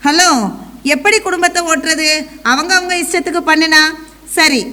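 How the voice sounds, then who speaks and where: A woman's voice: extremely high pitch, fairly even intonation, moderate pace, sharp tone. A woman playing a counselor who keeps questioning and coaxing a young girl. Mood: probing. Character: patient, probing female counselor. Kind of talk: college stage skit.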